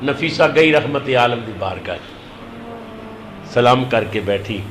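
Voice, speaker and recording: A man's voice: medium pitch, animated, fairly bright tone, a little hiss or hum, rough recording. A male preacher from Pakistan giving a Friday sermon, telling a story animatedly and acting out its dialogue for the congregation.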